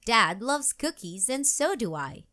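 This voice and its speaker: A woman's voice: fairly high pitch, big pitch swings, unhurried, bright, forceful tone, full character voice. Woman doing a plucky little girl, storybook voice. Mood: cheerful.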